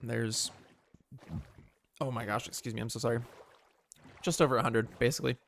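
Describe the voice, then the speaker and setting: A man's voice: mid-range voice, steady tone, normal speed, creaky, fairly bright tone, slight background noise. A man hosting a casual game livestream, chatting loosely with viewers, rambling and correcting himself as he goes. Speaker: livestream host. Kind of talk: casual livestream chat while playing.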